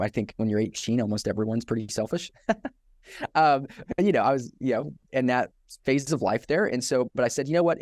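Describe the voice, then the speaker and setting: A man's voice: medium pitch, no echo, studio quality. A young man hosting a podcast, telling a story casually and acting out the voices of the people in it, with frequent laughs. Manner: animated storyteller who acts out quotes, laughs often. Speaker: podcast host.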